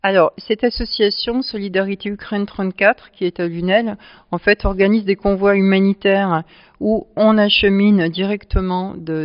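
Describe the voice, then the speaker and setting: A woman who presides over a charity club, answering interview questions at length and pausing often to find her words. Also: fairly low pitch, dry recording. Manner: explanatory, speaks at length with frequent hesitations. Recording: dull lo-fi sound.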